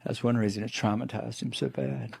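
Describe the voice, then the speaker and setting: A man's voice: mid-range voice, fairly even intonation, fairly quick, creaky, darkish tone, slightly rough, no echo. A middle-aged man, a guest on the show, recounting a personal encounter in plainspoken storytelling full of restarts. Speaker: eyewitness guest.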